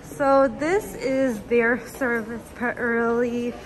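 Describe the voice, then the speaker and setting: A woman's voice: fairly high pitch, steady tone, slow. A woman chatting casually to a handheld phone camera in a travel vlog, full of fillers and cooing at her pets. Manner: chatty, filler-heavy, coos at the cats. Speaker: pet vlogger. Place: airport and rental car. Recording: noisy phone recording in transit.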